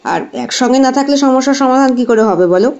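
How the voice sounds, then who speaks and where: A woman's voice: high voice, a little fast, a little mellow. A woman voicing a caring young male doctor in an audio story, earnest and reassuring. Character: young man, caring doctor, devoted suitor. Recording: dull lo-fi recording.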